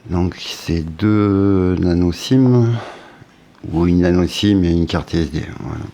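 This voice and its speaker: Deep guy unboxing a phone, slow and unhurried, um-ing as he goes. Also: dark tone, slight background noise. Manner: unhurried, thinking aloud with hesitant fillers. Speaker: tech unboxing vlogger. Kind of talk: casual unboxing commentary.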